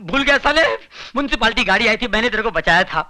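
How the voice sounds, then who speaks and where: A panicky, blustering comic coward. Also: male voice, high voice, expressive, quick pace, bright, forceful tone, heavily acted. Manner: rambling, theatrical, preachy then panicky. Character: cowardly blustering comic man, fast-talking and excitable. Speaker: comic brothel visitor posing as social worker. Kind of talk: 1990s Hindi film comic acting.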